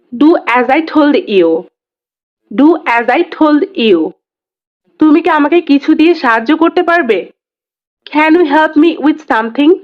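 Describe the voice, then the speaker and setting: A woman teaching spoken English, saying each sentence in Bengali and then repeating the English slowly and deliberately. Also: sits high, highs cut off. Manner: slow, deliberate repetition.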